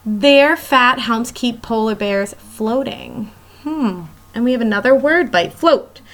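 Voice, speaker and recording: Taking her time, a woman with a voice on the high side reads a nonfiction children's book to young listeners. She's an elementary school teacher who addresses the kids directly and explains things simply.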